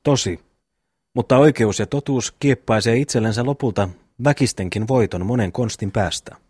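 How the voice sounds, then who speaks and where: A man reading an audiobook, voicing a hot-tempered, boastful young peasant brother with a husky voice. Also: mid-range voice, a little mellow, no room sound, clean studio sound, close to an everyday voice. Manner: boastful, blunt storytelling. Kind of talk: audiobook reading of a classic novel.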